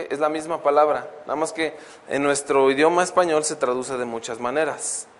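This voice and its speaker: Man preaching in an echoing hall. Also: on the high side. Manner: asks the congregation questions, reads verses slowly. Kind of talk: Bible teaching sermon. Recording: long hall reverb.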